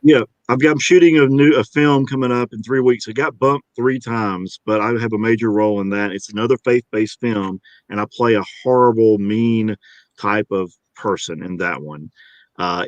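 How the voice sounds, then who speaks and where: A man's voice: lowish voice, dry recording, highs cut off. A middle-aged man, an actor, talking in an interview in a rambling, upbeat way with many restarts. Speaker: actor and guest. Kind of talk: interview conversation.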